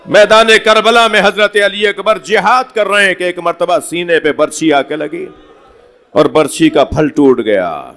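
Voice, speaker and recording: High-voiced man in impassioned mourning sermon. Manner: impassioned, rising to shouted lament. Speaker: Shia cleric giving a majlis. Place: mosque hall at a gathering.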